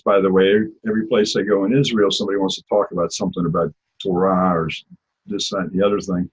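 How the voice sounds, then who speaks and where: A man's voice: on the low side, slightly rough. A man teaching an informal religious class, talking in a conversational way and telling personal stories. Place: lives in Israel. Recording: dull lo-fi recording.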